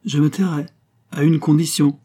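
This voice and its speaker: A jealous young gentleman, torn between pleading and veiled threat, read by a man in his own voice. The voice is low-lit and husky, with an impassioned edge. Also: expressive, moderate pace. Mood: threatening.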